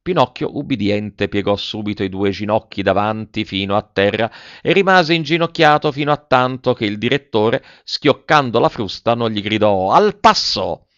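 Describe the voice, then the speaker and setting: A man narrating a classic tale as an audiobook, telling it in a lively, expressive way. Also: lowish voice, moderate pace, hardly any pauses, no room sound, muffled recording.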